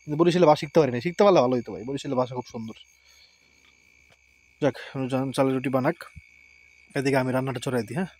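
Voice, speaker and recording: Cooking outdoors at night at a rural home, this Barishal man from Bangladesh talks to camera in Barishal-area Bangla, sprinkling in short affirmations. His medium-pitched, slightly mellow voice stays fairly even, coming in rapid bursts broken by long pauses.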